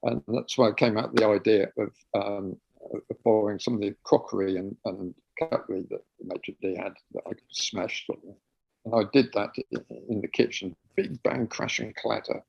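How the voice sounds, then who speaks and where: A man spinning an anecdote with lively laughter and stumbling repeats. His voice is gravelly and a bit husky. The recording sounds slightly dull and lo-fi. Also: fairly low pitch, normal speed, no room sound. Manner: animated, laughing, repeats words while telling. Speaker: guest. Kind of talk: anecdotal storytelling.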